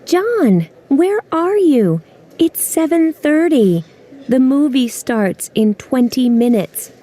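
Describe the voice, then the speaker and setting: A woman's voice: sits high, big pitch swings, slow, mellow, full character voice. An actress voicing a young woman phoning a friend who is late for a movie, in a careful textbook-audio delivery. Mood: impatient.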